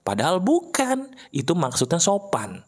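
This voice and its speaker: A man's voice: on the high side, moderate pace. Male motivational speaker, direct and chatty, heavy on rhetorical questions, voice-over. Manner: addresses listeners as friends. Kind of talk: motivational talk to viewers. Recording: voice-over for an animated video.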